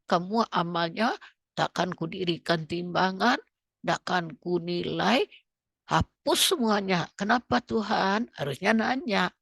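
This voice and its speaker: A middle-aged woman from Indonesia preaches to a study group in a chatty way, checking in with her listeners as she goes. Her voice has some fry and grit in it. The recording is dry and close, with little room sound. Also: mid-range voice, dry recording. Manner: conversational preaching, frequent tag questions and interjections. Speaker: religious teacher. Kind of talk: Islamic study-group sermon.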